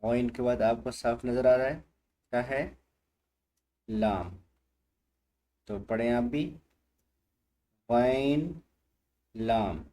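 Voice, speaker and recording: Slow patient guy teaching letters one by one, low mellow voice, keeps asking you to say it back. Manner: patient, repeats each letter and asks the learner to say it aloud. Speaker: Quran reading teacher. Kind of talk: slow letter-by-letter recitation lesson.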